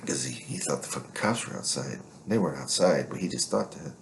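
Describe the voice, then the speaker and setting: A man with a very low, gravelly voice that swings widely up and down as he talks. He tells rambling stories in a casual monologue, full of swearing and swagger. A faint hum sits behind him. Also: animated, brisk. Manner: profane, swaggering, rambling with constant fillers.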